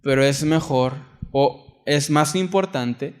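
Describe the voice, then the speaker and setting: A young adult man with a Mexican accent preaching a sermon in a church, earnest, moving from loud emphatic reading to soft quiet asides. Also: a little high, slow pace. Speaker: pastor.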